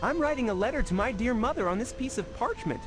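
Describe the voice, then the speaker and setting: A restless young colonial Minuteman in an old educational adventure game, chatting earnestly and folksily. His voice sits high and lively. Game music plays clearly under him. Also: quick pace, poor audio. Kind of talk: 1990s educational game voice acting.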